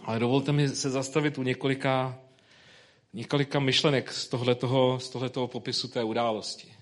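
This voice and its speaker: A man's voice: mid-range voice, flat delivery. A man preaching who first reads a Bible passage, then talks it over in loose, conversational speech full of fillers. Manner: reads scripture slowly, then preaches informally with colloquial fillers. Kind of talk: sermon with scripture reading.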